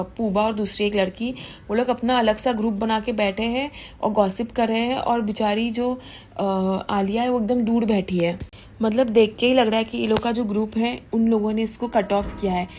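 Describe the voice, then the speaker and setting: A woman's voice: mid-range voice, darkish tone, a little hiss or hum. A young woman giving casual, indignant gossip commentary, switching freely into English. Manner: chatty, mixes English into Hindi, indignant gossip. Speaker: commentary vlogger.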